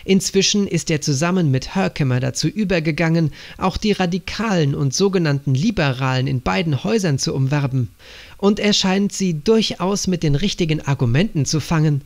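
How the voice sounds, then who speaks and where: A man's voice: on the high side, fairly quick, vocal fry. A man voicing an earnest young woman agent reporting to her father in an audiobook.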